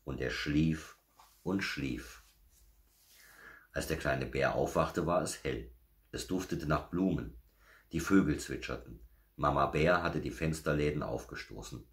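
A man narrating a children's story in a gentle, measured storytelling manner. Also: extremely low pitch.

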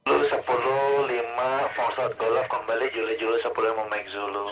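Over a hissy two-way radio link that occasionally sounds far off, a male ham operator speaks in a mid-range voice with flat delivery at normal speed. He keeps it clipped, trading call-sign codes and ending every turn with "over."

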